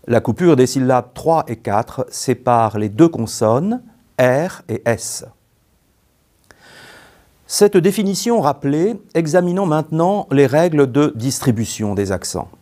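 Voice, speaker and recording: A man reads a prepared grammar lesson at an unhurried, deliberate pace. His voice is mellow and dark, and he breaks words into syllables with care. The delivery is calm and methodical, like a recorded course. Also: medium pitch. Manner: slow, careful, spells out syllables. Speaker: teacher. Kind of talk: scripted lesson narration.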